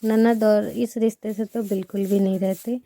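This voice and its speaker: A young woman from India, a village vlogger with a sore throat, chats to her viewers as friends while sweeping and plastering her village house with mud. Her voice is medium-pitched and dark-toned, with fairly even intonation, a moderate pace and no room sound. She's chatty and rambling.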